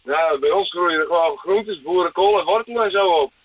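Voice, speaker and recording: A man's voice: sits high, fairly quick, slightly rough, dry recording. A man from Friesland calling in on speakerphone, asking curious questions in a casual chat. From Friesland, Netherlands. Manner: plain, curious, asks questions. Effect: on speakerphone over a phone line. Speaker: caller. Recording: tinny speakerphone line.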